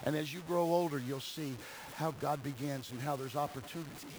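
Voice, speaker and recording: A man's voice: a little high, a little fast, noisy background. A man preaching a sermon as a pastor, exhorting his congregation with repeated key phrases and calls for amens. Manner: swings from quiet talk to loud emphatic cries. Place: church sanctuary during a service.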